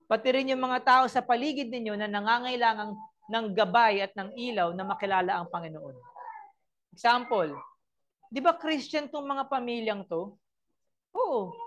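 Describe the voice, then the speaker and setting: A woman's voice: fairly high pitch, lively intonation, moderate pace, pauses often. Emphatic Filipino woman preaching. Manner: switches between Tagalog and English, asks the congregation rhetorical questions; emphatic, acts out short everyday scenes. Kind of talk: sermon.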